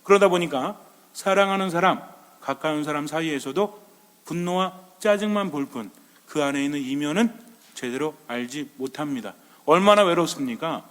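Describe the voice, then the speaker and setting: Priest giving a chatty sermon. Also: male voice, fairly high pitch, normal speed, fairly bright tone. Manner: conversational, asks the audience rhetorical questions. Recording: long reverb.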